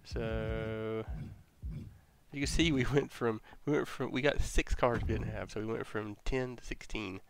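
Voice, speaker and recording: Man muttering game commentary over loud noise. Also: on the low side, fairly even intonation, measured pace. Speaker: gaming YouTuber opening card packs. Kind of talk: casual off-the-cuff gameplay commentary.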